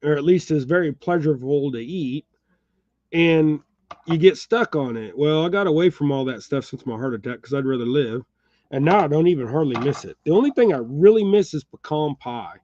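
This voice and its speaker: A middle-aged man with a slight Texas-tinged American accent rambles along in easy, chuckling chat, speaking to his viewers by name. His voice sits a little high for a man. The recording is dry and a bit muffled. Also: lively intonation, fairly quick, dark tone, no echo. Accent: Texas-tinged American, says y'all. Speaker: channel host. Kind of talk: casual chat while tying jigs. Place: home workshop.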